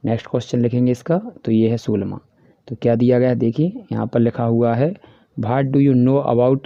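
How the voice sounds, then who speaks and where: A man with a Hindi accent teaching a class worksheet, explaining each answer step by step and reading the English questions slowly. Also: mid-range voice, fairly even intonation, creaky, no room sound. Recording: dry, dull lo-fi voice-over.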